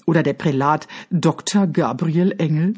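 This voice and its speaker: A woman voicing a greedy, excitable boy who dreams of a feast in a storybook. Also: sits low, normal speed, breathy edge. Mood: eager. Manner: eager and excitable. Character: greedy, cheeky boy who loves food.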